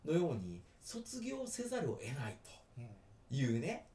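A man with a lilt talks through a casual podcast chat. His voice leaps up and down in pitch as he acts out quoted lines. He laughs easily and keeps the talk lively. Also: unhurried. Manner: animated, laughs often, slips into Kansai-style quoted lines. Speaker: podcast co-host. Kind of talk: casual chat about anime.

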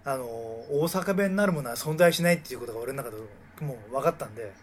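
A man's voice: medium pitch, animated, quick pace. A man co-hosting a casual chat, teasing his partner and laughing often. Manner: teasing, laughing, frequent backchannels.

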